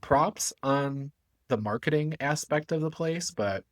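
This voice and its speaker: A man's voice: fairly high pitch, unhurried, fairly bright tone, dry recording. A man co-hosting a podcast, chatting and telling a story in a joking way. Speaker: podcast co-host. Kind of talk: casual podcast chat.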